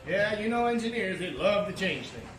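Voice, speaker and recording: A man's voice: sits high, sing-song, moderate pace, a bit bright, reverberant, far from the mic, faint music behind, rough recording. A man with a dry, wisecracking manner chatting in a garage. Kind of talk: casual shop banter.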